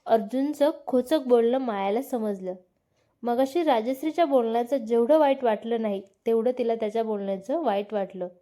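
A woman narrates a family story in a calm, even storytelling manner. Her voice is fairly high with a warm, mellow tone. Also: normal speed.

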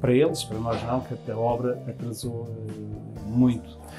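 Over music, a gravelly-voiced restaurant manager in his fifties, with a European Portuguese accent, gives lengthy interview answers at normal speed and a level medium pitch. He's indoors in the dining room, using his hands as he speaks and restarting phrases often.

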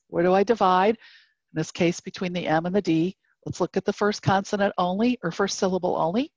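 Woman, literacy presenter, lowish voice, explanatory, dull dry recording. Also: darkish tone, no room sound. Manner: explanatory, models classroom prompts step by step. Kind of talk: instructional presentation.

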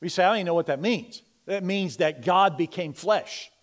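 Man preaching, loud then hushed. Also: sits high, normal speed. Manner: swings from loud emphatic preaching to quiet tearful confiding. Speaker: pastor. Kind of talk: sermon. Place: church sanctuary.

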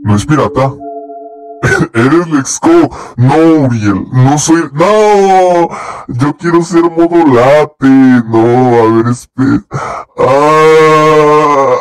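A man's voice: fairly high pitch, drawn-out words. Rambling streamer man. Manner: rambling, swearing, reacts to chat. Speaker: livestreamer. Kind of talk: casual live stream chat. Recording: faint music behind.

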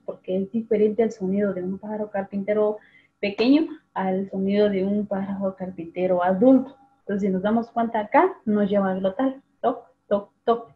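A woman teacher runs an online class, patiently calling on students by name and repeating sounds slowly. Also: mid-range voice. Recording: tinny phone-like video call audio.

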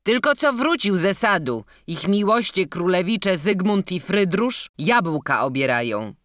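A woman's voice: fairly low pitch, sing-song, measured pace, a bit bright, no echo, studio quality, voice pushed up. A woman voicing a polite, deferential male gatekeeper who speaks courteously to a churchman. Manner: courteous, advising.

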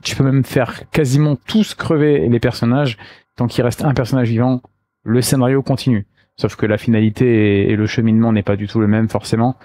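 A man's voice: medium pitch, steady tone, brisk, mellow, no room sound. A man hosting a let's play, talking casually and slangily to viewers while musing aloud. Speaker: gaming let's play host. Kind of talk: casual game commentary addressed to viewers.

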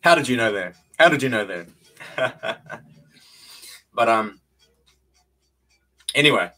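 This young Kiwi vlogger hosts a livestream from a small bare room, answering viewers casually on a desk-distance webcam while chuckling and repeating phrases. His medium-pitched voice is slow, bright and forceful with lively intonation, over slight background noise.

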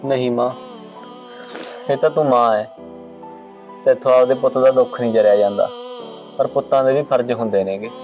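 A man's voice: medium pitch, steady tone, moderate pace, pauses often, dull audio, soft background music, close to an everyday voice. A man playing an earnest, torn son. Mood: pleading, earnest. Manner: pleading, earnest. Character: torn, dutiful son and husband.

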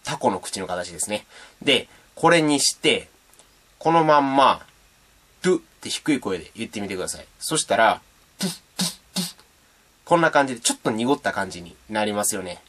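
A man's voice: on the low side, expressive, moderate pace, long pauses, fairly bright tone. A man giving a casual, playful beatbox tutorial and demonstrating sounds as he explains. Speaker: beatbox teacher.

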